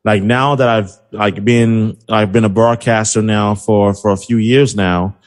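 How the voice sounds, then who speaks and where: A man's voice: fairly low pitch, steady tone, measured pace. Rambling New guy talking sports. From New York City. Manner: rambling, many fillers, trash-talking. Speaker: podcast guest, sports broadcaster. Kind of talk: casual sports chat.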